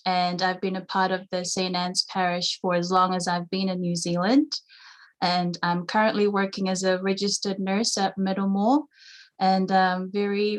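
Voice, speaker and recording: Female nurse guest from Fiji, young adult, mid-range voice, halting friendly answers. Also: mid-range voice. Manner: friendly, hesitant with many ums and uhs. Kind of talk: interview answers.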